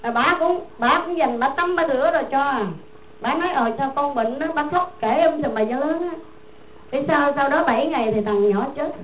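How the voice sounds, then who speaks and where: A woman's voice: high voice, moderate pace. A woman with a Southern Vietnamese accent tells a Buddhist moral tale to listeners in a rambling, repetitive, conversational way. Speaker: storyteller addressing listeners. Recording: tinny phone-like sound in an echoey room.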